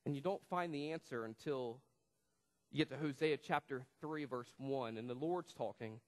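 A male pastor preaching a sermon in a church, swinging between loud, emphatic passages and hushed, quiet ones. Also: mid-range voice, normal speed. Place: church sanctuary. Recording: long church hall reverb.

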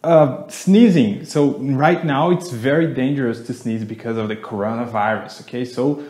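A man's voice: medium pitch, fairly even intonation, normal speed, darkish tone. Playful man teaching, echoey room. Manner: playful, chatty, acts out each verb. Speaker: English teacher, co-host. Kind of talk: casual teaching with acted demonstrations.

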